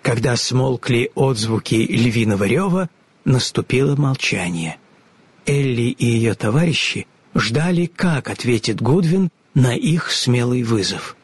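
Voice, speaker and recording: Breathy male storybook narrator. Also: medium pitch, measured pace, no echo. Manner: expressive reading.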